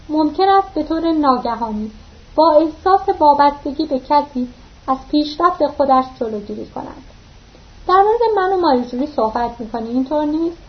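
A woman narrating a novel aloud, reading steadily and voicing the dialogue lightly, with occasional slips and restarts. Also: high voice. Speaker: audiobook narrator. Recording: dull lo-fi recording.

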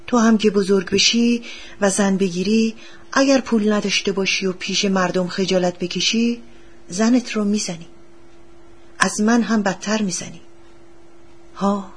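A bitter, gruff father who scolds and grumbles in a husky voice, as a woman puts him on. His pitch sits in the middle of the range. It is a storybook reading full of superstition and hard luck. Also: close to an everyday voice. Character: poor bitter middle-aged father digging for treasure.

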